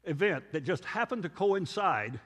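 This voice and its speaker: A man's voice: sits high, sing-song, moderate pace, fairly bright tone, big-room sound. A man giving a conversational sermon lecture, telling stories and asking rhetorical questions. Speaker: preacher.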